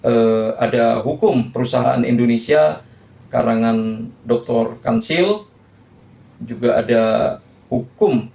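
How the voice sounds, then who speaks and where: Male lecturer, formal reading, gravelly, mellow tone, hesitant pauses, roomy dull recording. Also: mid-range voice. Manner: formal, listing points with filler pauses. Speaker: university lecturer. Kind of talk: reading a course overview.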